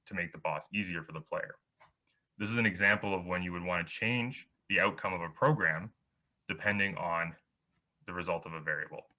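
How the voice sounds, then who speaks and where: Walking beginners through programming over slides, this young instructor explains each step and restarts himself in small ways. He has a low-pitched, bright voice with a forceful tone.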